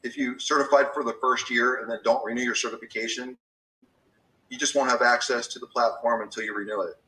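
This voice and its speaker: A man's voice: medium pitch, steady tone, brisk, pushed and bright, recorded from a distance, rough recording. A man in his fifties talking casually about business, rambling with many restarts and fillers. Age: 50s.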